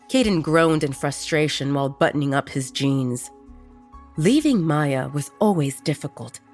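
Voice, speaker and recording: A woman narrating a romance audiobook in a steady, even storytelling manner. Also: deep voice.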